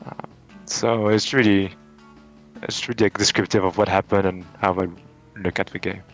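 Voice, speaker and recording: A man's voice: low voice, fairly even intonation, normal speed, faint music behind. A man with a French accent, answering interview questions in a casual, thoughtful way with frequent restarts and fillers. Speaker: tournament champion guest.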